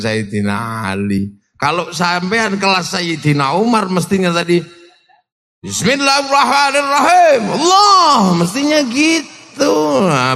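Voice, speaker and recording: A male preacher, telling stories dramatically and swinging between shouts and low asides. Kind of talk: humorous sermon storytelling. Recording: long hall reverb.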